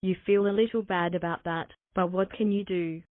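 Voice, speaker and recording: A synthetic female voice narrating a text adventure story in an even, mechanical way. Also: mid-range voice, moderate pace, no room sound. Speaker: narrator of the game's generated story. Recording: thin, phone-like dry synthetic audio.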